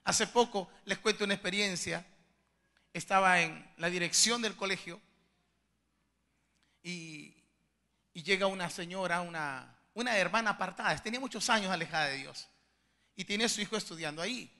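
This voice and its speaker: A male pastor preaching a sermon, moving between soft, intimate asides and loud, emphatic climaxes, fervent and pleading, often repeating words as he searches for phrasing. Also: high-pitched, normal speed, long pauses, in a large hall. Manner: fervent and pleading, addressing listeners as beloved brothers.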